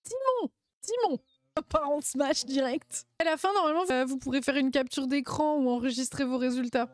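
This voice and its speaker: High-voiced playful woman streamer. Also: steady tone, brisk, no echo. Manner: laughs often, slangy and playful. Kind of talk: casual live-stream chat.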